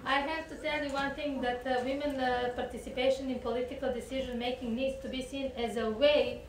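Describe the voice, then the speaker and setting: A woman with a Serbian accent, a member of parliament giving panel remarks, halting and searching for words with many fillers. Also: sits high, steady tone, slight background noise. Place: crowded conference room at a long table. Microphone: table microphone, recorded from a camera across the room. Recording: echoey room from far off.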